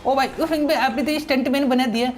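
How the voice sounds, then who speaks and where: A man's voice: extremely high pitch, steady tone, quick pace, a little hiss or hum, voice pushed up. A man voicing a cheeky, mischievous little cartoon boy, with a childish whiny lilt in gaming banter. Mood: teasing. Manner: childish whiny lilt, starts lines with "uff, phir bhi". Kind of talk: gaming let's-play banter.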